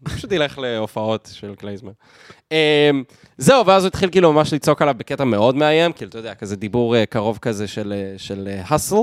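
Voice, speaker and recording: A man's voice: mid-range voice, no echo, clean studio sound. A man co-hosting a podcast in casual chat, telling stories with animation and acting out the people in them. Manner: animated storyteller who acts out the people in his stories. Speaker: podcast co-host.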